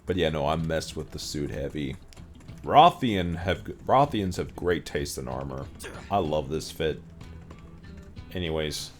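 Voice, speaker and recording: A man's voice: rumbling low, lively intonation, a little slow. A man streaming a video game and chatting casually, with slangy, laid-back, playful trash talk. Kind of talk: casual gaming commentary. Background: game music.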